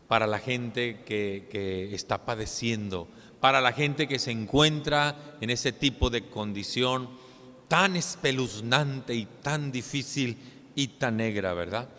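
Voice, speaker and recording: A Mexican man preaching a sermon as pastor, swinging between loud emphatic lines and hushed ones. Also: medium pitch, big-room sound.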